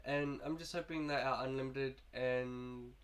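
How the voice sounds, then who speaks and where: In a measured, steady mid-range voice with a clear, resonant tone, a sick young gaming YouTuber coughs his way through a relaxed, rambling rundown of his game team.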